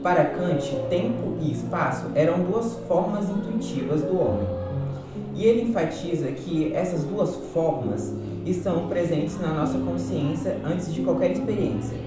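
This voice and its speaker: Patient and explanatory, this Brazilian man voices a didactic philosophy teacher for a student radio drama. He has a high voice with lively intonation and speaks a little slowly, though the capture is very echoey and distant, with loud music behind.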